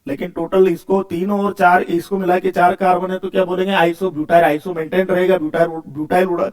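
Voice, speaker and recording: A male chemistry teacher, speaking in a somewhat high voice. He keeps asking questions and answering them himself, repeating key words as he goes. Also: flat delivery, fairly quick, darkish tone. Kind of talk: video lecture.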